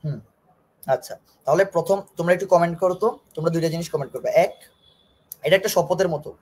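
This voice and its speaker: A man with a Bangladeshi Bengali accent, hoarse from a sore throat, giving a live-streamed admission lesson, joking and teasing and repeating key phrases while reading student comments. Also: on the high side, quick pace, darkish tone. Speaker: online admission coach.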